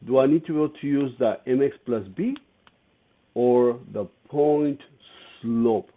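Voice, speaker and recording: A math teacher with a mid-range voice leads an algebra lesson at a slightly slow pace, going through each step and questioning his students along the way. The audio is tinny and lo-fi, like a phone.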